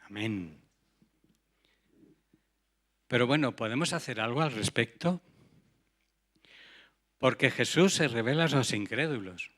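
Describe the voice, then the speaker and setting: A man's voice: mid-range voice, fairly bright tone. Earnest male preacher. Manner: earnest, rhetorical questions to the congregation. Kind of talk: sermon.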